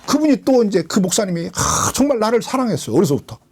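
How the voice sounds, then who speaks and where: A woman's voice: big pitch swings, fast, a little mellow, breathy edge. A woman pastor preaching a sermon in a church, telling a personal testimony with emotion and acting out the lines she quotes. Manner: emotional storytelling, swinging pitch, acting out quotes.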